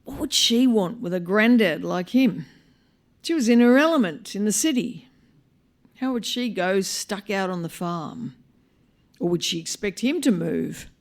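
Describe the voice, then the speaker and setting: Live on stage at a small venue, an Australian woman with a mid-range voice reads a short story aloud, expressive and wry, using dramatic pauses.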